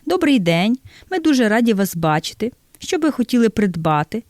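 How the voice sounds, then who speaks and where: A woman's voice: very animated, moderate pace, a little mellow, no room sound, clean studio sound. A woman voicing an overly polite, smiling male shop assistant, speaking in a sugary, courteous way. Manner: sugary and courteous, higher pitched.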